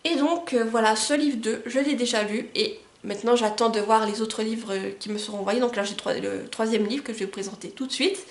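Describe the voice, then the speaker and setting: A woman's voice: on the high side, a little fast, hardly any pauses. Eager woman book vlogger, roomy echo. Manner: chatty and eager, reads back-cover summaries aloud. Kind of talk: casual book haul vlog.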